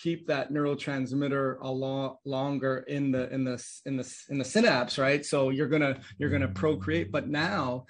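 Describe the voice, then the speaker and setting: A man's voice: medium pitch, flat delivery, normal speed, few pauses. A man hosting a podcast interview, a clinician thinking aloud in long, winding explanations. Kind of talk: casual conversational interview.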